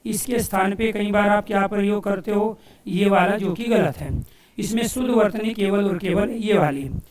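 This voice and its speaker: A male coaching teacher giving a Hindi grammar lesson for exam students, asking questions and answering them himself and repeating key phrases slowly as if dictating. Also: sits high, echoey room, far from the mic, a crowd in the background. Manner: addresses listeners as dear friends.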